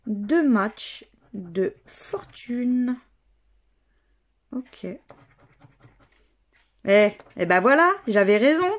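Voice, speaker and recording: A French woman scratches lottery tickets while giving a casual running commentary, spelling out letters one at a time. Her fairly high voice is lively in intonation but extremely slow, with long pauses.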